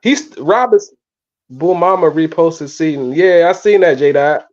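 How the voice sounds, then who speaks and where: A man hosting a live sports fan show talks about college football over a phone stream, using slang and repeating himself as words trip him up. His voice is fairly high and measured in pace. The muffled phone audio sounds dull.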